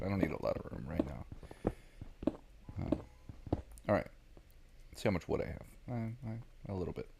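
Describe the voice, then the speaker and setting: A man with a Southern American drawl talks through his game in a loose, rambling way, full of ums as he works things out. His voice sits very low with a rough, gravelly texture. A faint hiss runs under the recording. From Southern United States. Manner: rambling, thinking aloud with many ums. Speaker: gaming video creator. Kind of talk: casual gameplay commentary.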